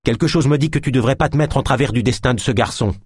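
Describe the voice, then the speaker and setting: A man's voice: medium pitch, fast, a little mellow, husky, no echo, clean studio sound, pitched above the performer's own voice, natural voice. A man voicing a determined woman who speaks in a firm, insistent way. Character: determined woman, stern and defiant.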